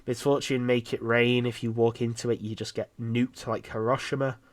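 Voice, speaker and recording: A man's voice: mid-range voice, level tone, normal speed. A man casting a live esports match solo on his own streaming mic, chatty and rambling with lots of fillers. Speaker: esports caster. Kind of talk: live game commentary.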